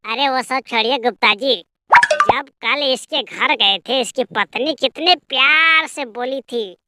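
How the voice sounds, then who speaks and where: A woman's voice: high voice, sing-song, measured pace. A woman voicing squabbling small-town men in a cartoon, scolding and bickering coarsely. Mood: quarrelsome. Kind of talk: cartoon voice acting. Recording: loud background noise.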